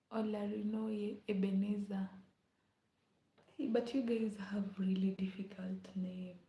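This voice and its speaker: A young Kenyan woman with a mid-range, dark-toned voice chats casually on a live stream, often dropping into a whisper and humming lines of songs. The room sounds echoey.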